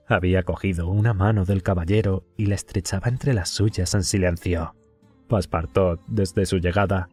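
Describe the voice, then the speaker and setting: A man narrating a classic novel as an audiobook in a measured, even storytelling delivery. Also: low-pitched, slightly rough.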